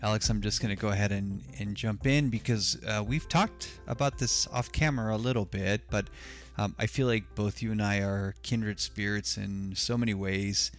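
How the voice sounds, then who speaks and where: A man's voice: on the low side, steady tone, normal speed, faint music behind. Friendly, conversational man from Mexico. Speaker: podcast guest. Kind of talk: casual conversation.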